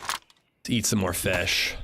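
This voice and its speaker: A man from Pennsylvania, a streamer talking casually with chat while playing a game, animated and swearing freely. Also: low-pitched, slow pace, vocal fry, slight background noise. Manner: animated, profane, reacting to chat. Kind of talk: casual gaming livestream chat.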